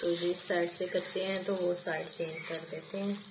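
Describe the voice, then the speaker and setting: A lowish, steady female voice at a moderate pace belongs to a Pakistani village vlogger with a Pakistani Urdu accent. Sitting on a floor mat in a small room at home, she gives a homely, casual step-by-step account of her home cooking, frequently using "jo hai na," and the echoey room carries clear background noise.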